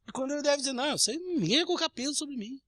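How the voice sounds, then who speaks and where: A Brazilian man preaching a sermon as pastor, animated, acting out little everyday scenes with changing voices. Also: very high-pitched, very fast, dry recording, studio quality. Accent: Brazilian Portuguese.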